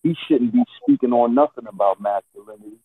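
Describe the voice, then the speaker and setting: A man's voice: mid-range voice, fairly quick, slightly rough. A man speaking in an online audio chat room through a headset. He sounds muffled, as if through a wall, and lectures insistently with repeated rhetorical questions. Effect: muffled, dull sound as if through a wall. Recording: muffled, tinny headset line with a dry sound.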